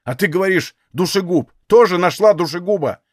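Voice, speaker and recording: A man's voice: sits high, animated, brisk, darkish tone, no echo, clean studio sound. A man doing a stubborn young Cossack man. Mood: defiant. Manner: blunt, folksy rural speech.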